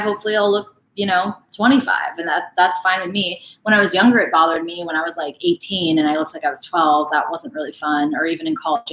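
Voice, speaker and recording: Answering viewer questions in a live stream, this woman in her late twenties, a fitness coach, talks casually and chattily with lots of "like" and "um." Her voice is fairly low and a bit bright, with a roomy sound and poor audio.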